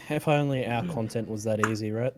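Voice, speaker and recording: A man's voice: medium pitch, animated, moderate pace, soft background music. A man joking and laughing easily in casual podcast chat. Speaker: podcast guest.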